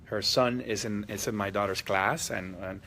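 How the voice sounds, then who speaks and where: Bright-voiced man hosting a meeting. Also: fairly low pitch, fairly even intonation, normal speed, creaky, a little hiss or hum. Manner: chatty, friendly, repeats himself. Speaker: meeting host. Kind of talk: casual hosting chat.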